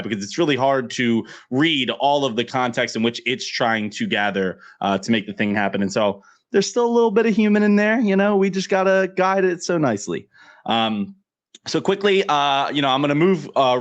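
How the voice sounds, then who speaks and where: A man's voice: mid-range voice, a bit bright. A man with a New Jersey accent hosting a casual livestream, playful and joking as he hypes up his guests over a video call. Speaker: livestream host.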